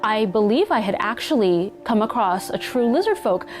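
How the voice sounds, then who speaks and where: Woman doing a dead serious lizard-people witness, kinda high voice. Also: very animated, normal speed, soft background music. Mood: earnest. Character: earnest woman who met lizard people. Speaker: eyewitness interviewee. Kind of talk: deadpan mockumentary interview.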